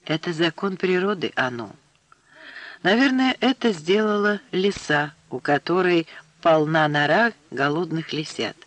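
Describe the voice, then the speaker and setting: A man's voice: a little high, expressive, unhurried, fairly bright tone, no room sound. A male narrator voicing a tense, tired father in an audiobook, curt and short on patience. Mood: strained. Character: tense, weary father on a beach trip.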